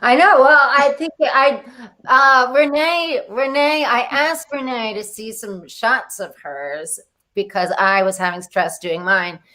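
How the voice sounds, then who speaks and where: Woman podcast co-host, enthusiastic and complimentary, voice a touch higher than most. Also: sharp tone. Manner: enthusiastic and effusive, quick to compliment and tell stories. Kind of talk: casual chat.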